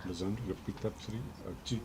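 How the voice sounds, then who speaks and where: Afrikaans-accented South African man, lowish voice, noisy recording. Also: fairly even intonation, a little fast. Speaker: commentator and interviewer. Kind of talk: casual live commentary.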